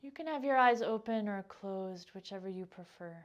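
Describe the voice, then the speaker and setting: The audio is dull as a woman with a mid-range voice leads a meditation in her role as a yoga teacher. She talks gently at a moderate pace, never hurrying, and her phrases taper off softly.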